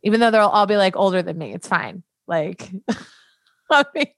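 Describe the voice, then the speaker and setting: A woman's voice: medium pitch, moderate pace, a bit bright, dry recording. A woman hosting a podcast, chatting playfully and laughing easily. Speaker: podcast host. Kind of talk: casual podcast chat.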